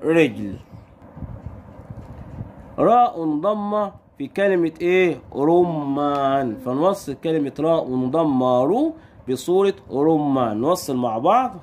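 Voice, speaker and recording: A man with an Egyptian Arabic accent teaching young pupils their letters, stretching sounds out slowly and firing quick questions at the children. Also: on the high side, sing-song, darkish tone, slight background noise. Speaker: primary school Arabic teacher. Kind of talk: recorded lesson for young children.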